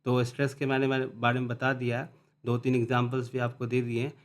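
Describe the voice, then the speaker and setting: Man teaching phonetics, slow readouts. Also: medium pitch, monotone. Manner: reads English definitions slowly, then explains in Hindi; restarts and repeats words while explaining. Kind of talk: explaining English phonetics.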